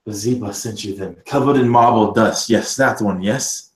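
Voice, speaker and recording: A nervous court vizier, put on by a man, who pleads and stammers when cornered. His voice sits low, and it rings in a roomy space. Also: moderate pace, lightly acted. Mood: bitter. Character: anxious scheming male court vizier.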